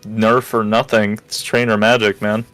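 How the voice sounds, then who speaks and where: A man playing a tabletop game, excitable and goofy, swearing in casual talk. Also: on the low side, moderate pace, soft background music. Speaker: player.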